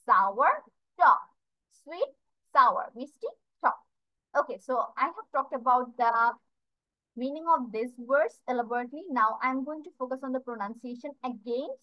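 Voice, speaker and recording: A woman's voice: high voice, no echo, highs cut off. A woman teacher gives an online vocabulary lesson, drilling English word pairs and explaining them in over a video call. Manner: switches between English and Bengali explanations.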